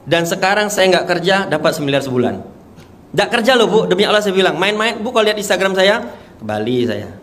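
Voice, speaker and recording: Man, young adult, slightly high voice, emotional storytelling, faint background noise. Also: big pitch swings, a little fast, fairly bright tone. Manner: emotional storytelling, addresses listeners as Bu and Pak Haji. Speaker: guest giving a testimony. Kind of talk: animated testimony before a live audience.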